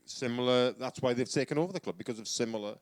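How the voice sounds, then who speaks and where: Man, podcast guest, hesitant, lots of restarts, middle pitch, dry. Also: fast, no echo. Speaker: band member guest. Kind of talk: casual podcast chat.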